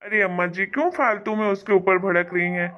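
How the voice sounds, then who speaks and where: A woman's voice: medium pitch, a little fast, muffled recording, natural voice. A woman voicing a patient young husband in a cartoon story, soothing and apologetic.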